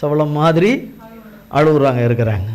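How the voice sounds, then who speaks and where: Male pastor, higher than most men, repetitive emphatic sermon delivery that dips low and soft for pleas. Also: moderate pace. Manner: repetitive, emphatic preaching with sudden drops to a low voice for quoted pleas.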